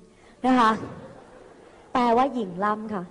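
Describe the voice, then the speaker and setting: A woman's voice: fairly high pitch, slow pace, in a large hall. A woman tutor teaching vocabulary on TV, coaxing students to answer and repeat after her. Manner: animated, coaxing call-and-response with students. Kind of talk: lively TV tutoring lesson.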